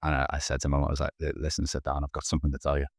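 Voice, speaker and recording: This podcast guest, a man in his thirties, talks very fast in a very deep, creaky voice with a completely flat delivery, candidly and earnestly telling his own story and often restarting words. He's on a video call with headphones in a small indoor room, and the audio is studio quality with no echo.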